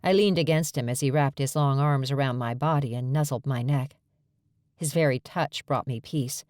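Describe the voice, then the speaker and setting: Low-voiced woman narrating an audiobook. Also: moderate pace, a little mellow, dry recording, studio quality. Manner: emotive, anxious inner monologue. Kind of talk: first-person audiobook narration.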